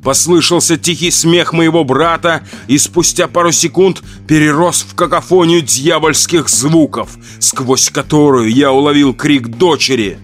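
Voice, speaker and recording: A man's voice: a little high, measured pace, few pauses, soft background music. Man narrating a horror audiobook. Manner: somber, tense storytelling. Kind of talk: dramatic first-person audiobook narration.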